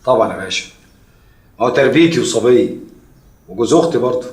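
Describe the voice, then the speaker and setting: An actor playing a streetwise Egyptian dealer who flatters his boss and then protests proudly. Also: medium pitch, fast, natural voice. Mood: deferential. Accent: Egyptian Arabic. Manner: fawning, then indignant. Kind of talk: TV drama acting. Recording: distant, echoey room.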